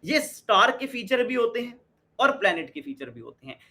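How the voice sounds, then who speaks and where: A man's voice: very high voice, big pitch swings, normal speed, bright, forceful tone. A young Indian man teaching an exam-prep lesson in mixed Hindi and English, asking questions and answering them himself. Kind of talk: energetic Hindi-English lecture.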